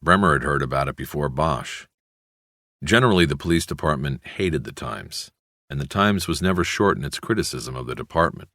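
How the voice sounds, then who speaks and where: Male audiobook narrator, exceptionally low voice, measured delivery, dry studio sound. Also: dry recording. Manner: measured, even storytelling.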